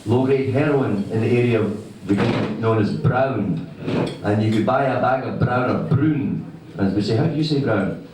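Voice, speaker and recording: A man's voice: medium pitch, normal speed, background noise. Scottish man with a broad accent, very echoey. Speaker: folk singer-songwriter. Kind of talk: casual spoken introduction to a song at a live gig. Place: live venue before an audience. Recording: very echoey live room, distant microphone.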